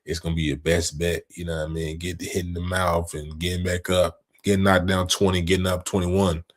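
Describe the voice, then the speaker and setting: Deep-voiced man in casual sports chat. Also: little pitch movement, fairly quick. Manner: laid-back, slangy, repeats "you know what I mean". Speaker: podcast co-host.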